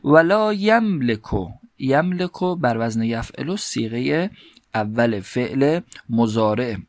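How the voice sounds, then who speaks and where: A man's voice: animated, no echo. Man, grammar teacher, patient explainer, dry close-miked lecture. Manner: explanatory, recites Arabic phrases slowly and higher. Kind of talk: classroom lecture explaining a text.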